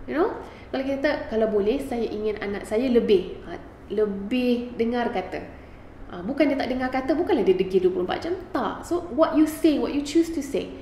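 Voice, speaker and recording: A woman's voice: sits high, mellow, roomy sound, a little hiss or hum. A woman, hosting a live Q&A and giving parenting advice emphatically, switching between Malay and English. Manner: emphatic, mixes Malay and English, repeats key points.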